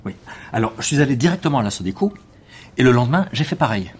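A man's voice: mid-range voice, big pitch swings, quick pace, breathy edge. An actor playing an eager male witness who insists on explaining everything at length.

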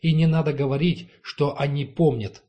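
A man's voice: a little high, fairly even intonation, normal speed, dull audio, lightly acted. A man reading the lines of a passionate young duke in an audiobook, heated and insistent. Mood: ardent.

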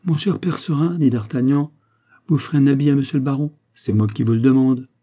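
A man reading an audiobook voices a bold, teasing musketeer captain with a brisk, coaxing delivery and a raised voice. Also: medium pitch, dark tone, pitched above the performer's own voice, lightly acted.

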